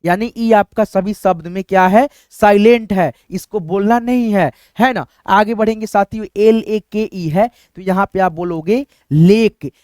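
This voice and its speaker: A man's voice: high-pitched, a little mellow, no echo, studio quality. A male teacher giving a step-by-step phonics lesson, asking questions and answering them himself and checking in with his students often. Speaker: English teacher.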